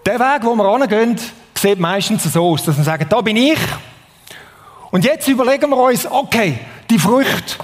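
A man with a high voice and a Swiss German accent delivers a sermon. He talks in a relaxed, conversational way and keeps asking his listeners questions. His voice carries a long reverb from a large hall. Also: moderate pace. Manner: conversational, asks the audience questions. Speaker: preacher.

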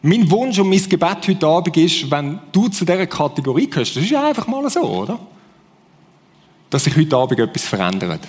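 Swiss guy preaching, high voice jumping all over, big hall reverb. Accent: Swiss German. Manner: lively, acts out fake enthusiasm with playful voices. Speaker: pastor. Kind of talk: sermon.

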